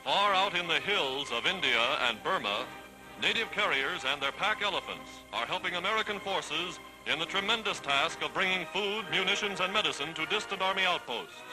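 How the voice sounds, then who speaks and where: This 1940s-style newsreel narration comes from a man whose voice is high and ringing, his announcing animated, emphatic and declamatory at a normal speed. Poor audio carries loud orchestral music beneath him.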